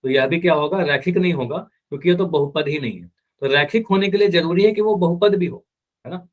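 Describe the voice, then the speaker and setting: A man's voice: fairly high pitch, brisk. Hindi-speaking male math teacher, live class. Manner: repetitive questioning, voicing students' answers.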